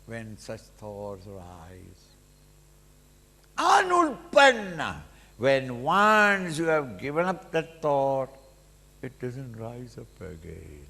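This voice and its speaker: The same Indian-accented teacher's voice swoops wildly in pitch around a medium level, slow, creaky and sharp-toned. He delivers his spiritual sermon emphatically, with rhetorical questions and acted-out examples, in a hall with a long, reverberant echo.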